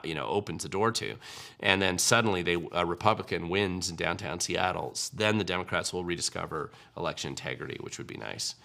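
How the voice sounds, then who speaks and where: Fielding questions from viewers, a man hosts a laid-back political livestream in a deep, gravelly voice with some brightness to it. His delivery is dry and offhand, peppered with ums and self-corrections.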